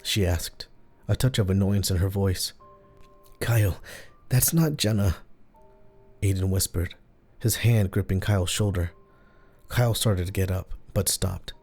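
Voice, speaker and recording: A man narrating a scripted horror story in a slow, measured, hushed way. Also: low voice, fairly even intonation. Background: faint piano music.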